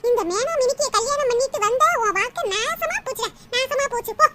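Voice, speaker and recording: A woman's voice: very high voice, fast talker, a bit bright, a little hiss or hum. A woman voicing a bitter old mother-in-law in a cartoon, wailing and taunting. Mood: scolding. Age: older. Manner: wailing laments and mocking taunts. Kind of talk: cartoon voice acting.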